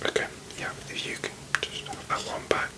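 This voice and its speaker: A British performer in a whispered role-play, voicing a strict, officious, slightly condescending librarian in a hushed library whisper. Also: normal speed, close to an everyday voice. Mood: businesslike.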